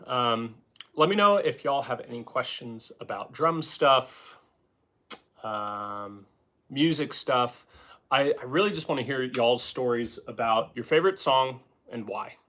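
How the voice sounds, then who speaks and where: A relaxed man talks to his viewers from home between bits of snare drum playing. He rambles easily, leaning on filler words as he chats in a casual live-stream way. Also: medium pitch, a little slow. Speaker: drummer and channel host.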